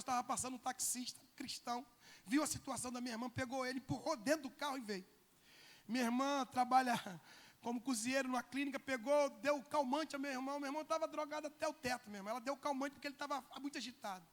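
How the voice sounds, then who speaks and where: A male pastor, telling a personal testimony in a sermon, moving between loud bursts and hushed lines. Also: very high voice, in a large hall. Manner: emotional storytelling, swinging from loud to hushed.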